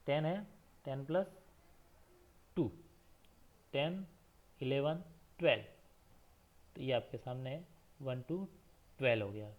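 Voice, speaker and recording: Slow-talking male teacher spelling out numbers. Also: medium pitch. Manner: spells words letter by letter and asks questions, then answers them. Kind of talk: slow, repetitive counting lesson for children. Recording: dull lo-fi recording.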